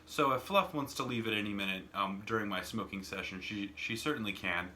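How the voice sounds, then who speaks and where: Rambling American man with a bright, tight voice. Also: lowish voice, fairly quick, a little hiss or hum. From United States. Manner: rambling, repeats words, says "and whatnot" often. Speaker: YouTuber and smoking vlogger. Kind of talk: casual rambling monologue. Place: home smoking room with door open and fan on.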